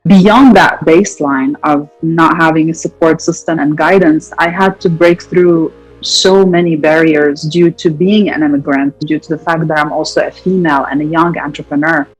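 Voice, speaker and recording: A woman from Lebanon, in her thirties, answering interview questions in long, measured, articulate sentences. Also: deep voice, fairly even intonation, soft background music, rough recording. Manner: articulate, measured, speaks in long listed phrases. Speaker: interview guest, entrepreneur.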